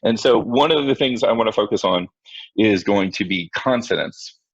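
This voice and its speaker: Gravelly male teacher on a lo-fi call. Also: fairly low pitch, moderate pace, dry recording. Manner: casual, self-mocking, talks to students directly. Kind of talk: online class lesson. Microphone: computer mic on video call. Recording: dull lo-fi video call audio.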